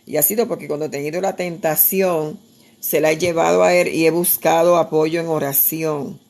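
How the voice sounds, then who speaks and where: A woman's voice: deep voice, steady tone, normal speed, vocal fry, darkish tone. A woman, preaching earnestly in a conversational way, with frequent restarts. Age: 60s. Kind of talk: sermon-style exhortation.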